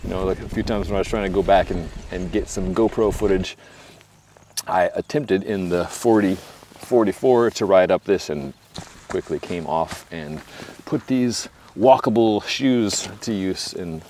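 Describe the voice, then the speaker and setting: A man's voice: low-pitched, unhurried, a little mellow, slight background noise. A man in his forties giving a casual, conversational product review outdoors, with wry asides. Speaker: bike reviewer. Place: outdoors beside trees and trails.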